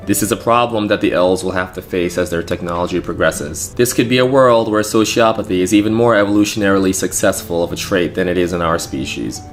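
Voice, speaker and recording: A young adult man giving a scripted narration, measured and reflective. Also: deep voice, faint music behind. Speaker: narrator and channel host.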